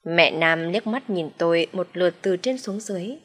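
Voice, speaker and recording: Một người phụ nữ giọng miền Nam kể truyện audio ở ngôi thứ nhất, đều đều bình tĩnh. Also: female voice, on the low side, moderate pace, fairly bright tone. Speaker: narrator. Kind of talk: audio story narration.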